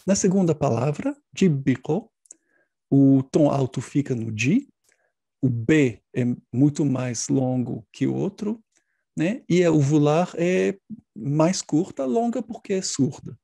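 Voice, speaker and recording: Slow, gravelly-voiced male academic presenter. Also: fairly high pitch, expressive, warm tone, dry recording. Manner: measured, explanatory, frequent hesitation fillers. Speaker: linguistics researcher presenting.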